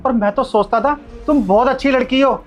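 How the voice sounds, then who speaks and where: A man's voice: extremely high pitch, brisk, soft background music. A man playing a husband who lectures his wife about treating a guard with respect. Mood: stern. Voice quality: lecturing, moralising. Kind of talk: amateur short-film acting.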